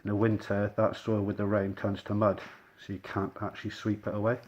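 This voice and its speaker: A man's voice: on the low side, monotone, fairly quick, darkish tone. A man chats casually as he explains his cleaning work, his voice muffled by a dust mask over his mouth. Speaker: rug cleaner presenting his own work. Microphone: speaking through a dust mask. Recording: clear background noise.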